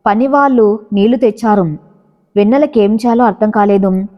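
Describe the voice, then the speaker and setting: Woman, story narrator, steady dramatic delivery, long reverb, muffled audio. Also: mid-range voice, normal speed. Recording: reverberant, slightly dull audio.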